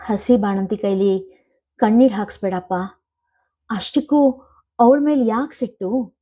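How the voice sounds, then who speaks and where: A woman voicing a gentle, worried mother who coaxes tearfully in a family storybook reading. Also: mid-range voice, measured pace, natural voice. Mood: pleading.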